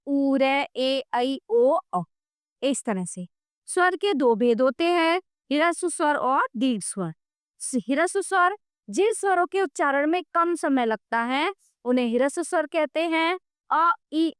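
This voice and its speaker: A woman's voice: high voice, dry recording, clean studio sound. A woman teacher giving a grammar lesson to young children, patiently checking that they follow and spelling out sounds one by one.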